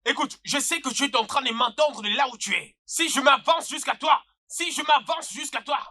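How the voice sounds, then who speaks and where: A hot-tempered older brother who bellows threats and barks orders. His voice sits high and sounds bright and forceful. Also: moderate pace, exaggerated voice. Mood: angry. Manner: shouting, threatening. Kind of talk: dubbed film acting.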